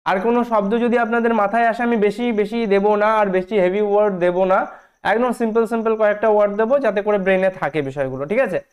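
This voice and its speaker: High-voiced man teaching spelling. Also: racing. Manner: repeats points, asks the class questions. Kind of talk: online spelling lesson.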